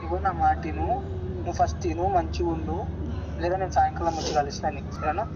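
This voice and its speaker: A man's voice: a little high, level tone, fast. A man, soothing and pleading with his girlfriend on a phone call. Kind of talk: emotional phone conversation. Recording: muffled phone call with loud background noise.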